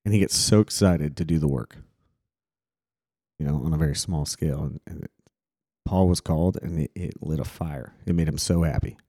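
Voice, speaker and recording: A man hosts a casual Bible study chat. His voice is very low and mellow, recorded dry and close. He talks earnestly and reflectively, acting out quotes as he goes. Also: normal speed, no echo. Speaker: podcast host.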